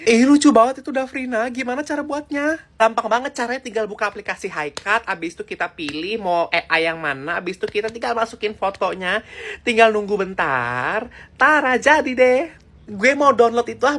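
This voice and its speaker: A woman's voice: a little high, fairly quick. A young woman performing a comic school skit, switching between several schoolgirl voices. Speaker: comedy creator. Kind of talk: one-person school skit. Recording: loud music bed.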